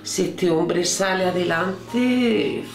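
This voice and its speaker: A woman from Spain, a hospital colleague, speaking in a reflective, measured way in a documentary interview. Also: on the low side, a little hiss or hum. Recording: roomy room with faint music.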